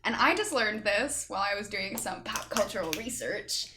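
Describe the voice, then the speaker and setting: A woman's voice: mid-range voice, animated, moderate pace, noisy background. A woman co-hosting a podcast in casual chat, chatty with lots of ums and frequent giggles. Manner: giggly, laughs often while talking. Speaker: podcast co-host.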